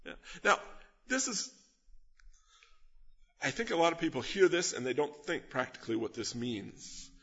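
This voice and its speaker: A man's voice: fairly high pitch, big pitch swings, normal speed, long pauses, a bit bright, slightly rough, lo-fi sound. A man preaching an expository sermon, explaining a passage verse by verse in an earnest, emphatic way with rhetorical questions. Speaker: pastor.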